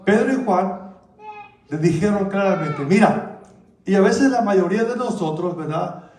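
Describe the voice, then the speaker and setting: High-voiced preaching man in an echoey church. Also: lively intonation, unhurried, darkish tone. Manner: conversational preaching, repeats "¿verdad?" and "con el Señor". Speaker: pastor. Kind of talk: sermon. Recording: echoey church hall, mic at a distance.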